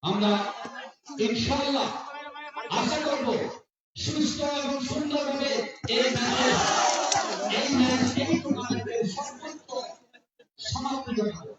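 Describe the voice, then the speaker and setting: A high-voiced Bangladeshi man commentates on a live football match, repeating his instructions and appeals insistently. His voice booms with heavy echo from far off, over a loud crowd. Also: normal speed, pauses often. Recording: echoing loudspeaker, distant, muffled, loud crowd. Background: loud crowd at football ground.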